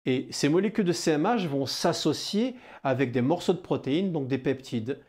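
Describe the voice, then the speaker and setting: Animated southwestern French teacher. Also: male voice, on the high side, normal speed. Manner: animated, addresses the viewer as "kid", rhetorical questions. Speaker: biology teacher. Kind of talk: lively video lesson.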